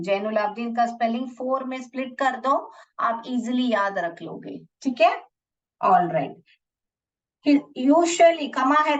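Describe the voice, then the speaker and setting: Slow-speaking woman teacher, far from the mic. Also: a little high, muffled recording. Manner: repeats and spells words, asks the class questions; mixes Hindi and English. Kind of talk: classroom lesson explaining an English text.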